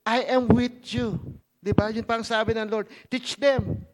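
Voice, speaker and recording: A man preaching a sermon as pastor, lively and conversational, mixing in English phrases and often checking in with the congregation. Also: very high voice, measured pace.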